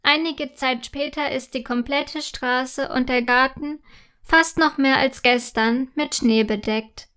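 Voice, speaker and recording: Slow, gentle woman reading a children's story. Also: high voice, fairly even intonation. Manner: slow, gentle and clearly articulated. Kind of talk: scripted children's story narration.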